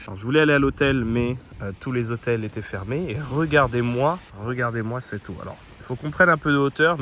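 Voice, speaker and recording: A young man vlogging as he walks outdoors, his voice sitting in a middle register. He talks to the camera in a chatty, upbeat way, telling his travel story with plenty of fillers. Faint street and traffic noise runs behind him. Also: medium pitch. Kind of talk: casual travel vlog narration to camera. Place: outdoors on a seaside town street.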